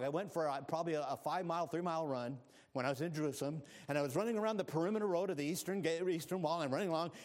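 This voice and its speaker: High, lively-voiced man preaching a sermon. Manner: animated, swings from hushed asides to loud exclamations; calls on the congregation to respond.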